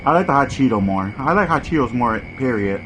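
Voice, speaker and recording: A man's voice: mid-range voice, lively intonation, fairly quick. A man hosting a mukbang, giving a casual, informal food review while eating and repeating short verdicts. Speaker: mukbang host. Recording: clearly noisy background ambience.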